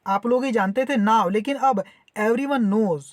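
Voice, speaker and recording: A woman's voice: a little high, slow, no room sound, clean studio sound. A woman teacher explaining a story line by line, repeating herself and checking that students follow. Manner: repeats and checks understanding with tag questions. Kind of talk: explaining an English story lesson.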